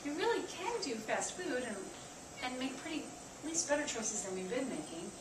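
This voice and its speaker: A woman's voice: sits high, sing-song, normal speed. Chatty woman dietitian in an echoey room. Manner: chatty, counts aloud and asks the audience questions. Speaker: dietitian giving a talk. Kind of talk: lively nutrition talk to a staff audience. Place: staff meeting room. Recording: echoey room, from far off, noisy.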